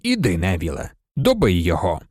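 Calm kindly male teacher, as the reader puts him on, lower soft voice, lively rise and fall, dry sound. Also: takes it slowly, no room sound, exaggerated voice. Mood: urging. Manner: lower, softer voice.

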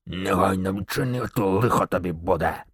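A man putting on a low hissing robber. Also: fairly quick, breathy edge, no room sound, clean studio sound. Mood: menacing. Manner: low hushed hiss. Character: menacing adult male robber, hissing threats. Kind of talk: audiobook reading.

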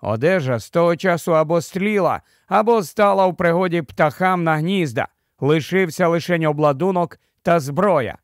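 Guy reading a sensible boy, earnest and quick, a bit higher, dry. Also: dry recording, natural voice.

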